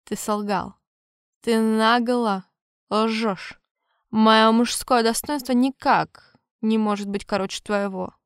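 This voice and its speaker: A woman's voice: on the high side, steady tone, takes it slowly, smooth, no room sound, clean studio sound. A woman voicing a possessed young female elf whose voice swings between wailing, drunken slurring and cold threats.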